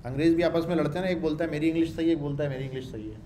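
A male programming instructor rattles through a screen-share coding tutorial in a rapid-fire, mellow voice on the high side. There's an echoey room and a little hiss or hum, and his chatty style has him asking and answering his own questions while repeating himself.

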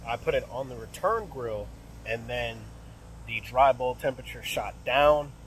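At a measured pace and medium pitch, a young HVAC technician talks through a service call for his casual work vlog, thinking aloud with frequent fillers and restarts. He moves between an outdoor AC unit and an indoor closet, recorded on a phone camera held close, and the low-quality audio carries a little hiss or hum.

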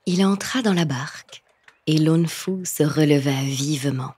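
A woman narrating a literary tale in a slow, hushed, tender reading. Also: low-pitched, husky, no room sound.

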